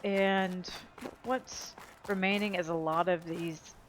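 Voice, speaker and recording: A gaming video host speaks slowly in a lowish, steady voice, with a slight hiss or hum and video game music behind her. Thinking aloud, she rambles through casual walkthrough commentary.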